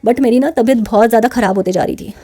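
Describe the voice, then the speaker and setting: A woman's voice: fairly high pitch, quick pace, warm tone. A woman hosting her channel, telling a personal story in a chatty, indignant way and mixing English words into her Hindi. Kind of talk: casual storytelling to camera.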